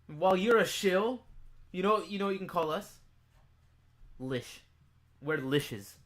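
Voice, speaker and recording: A man co-hosting a casual podcast, goofy and jokey, swinging from mumbles to loud outbursts. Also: high voice, expressive, a little slow. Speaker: podcast co-host. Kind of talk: casual chat.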